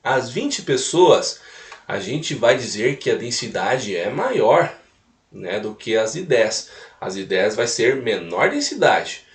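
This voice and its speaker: A man's voice: mid-range voice, very animated, takes it slowly. A man teaching a recorded music lesson, explaining step by step and tagging points with little questions. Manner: explanatory, repeats points with "né?" tags. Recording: roomy echo, mic at a distance.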